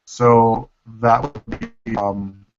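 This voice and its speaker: A man giving music rights advice over a video call, his voice glitching and breaking up as he talks haltingly with many fillers. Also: mid-range voice. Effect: glitching, breaking-up video call audio. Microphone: computer on a video call. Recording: dull, lo-fi video call audio.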